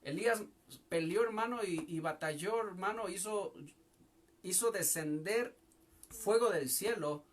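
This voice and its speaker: Spanish-speaking pastor preaching at home. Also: male voice, sits high, measured pace. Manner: preaching, repeats "hermano" often, rising and falling loudness. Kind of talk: sermon.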